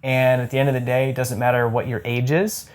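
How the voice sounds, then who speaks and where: Guy in his 30s hosting, super pumped, rambly, lots of like and um, normal pitch. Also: little pitch movement, brisk. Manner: enthusiastic, rambling with frequent likes and restarts. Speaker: host. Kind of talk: casual chat to camera.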